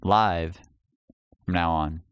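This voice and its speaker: Male co-host, deep resonant voice, rambling and playful, dry mic. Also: steady tone, extremely slow, clear, resonant tone, no echo. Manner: jokey, rambling with restarts. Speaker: podcast co-host. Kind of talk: casual chat.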